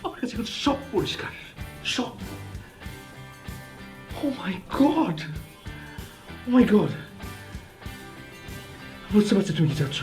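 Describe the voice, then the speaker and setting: A fussy young husband terrified of germs. His voice sits a little high and pleads nervously, like a TV drama scene with music playing faintly underneath. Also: very animated, slow, pauses often, heavily acted. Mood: panicked. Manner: panicky, then softly pleading. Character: fussy germ-fearing young husband, anxious. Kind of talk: TV drama acting.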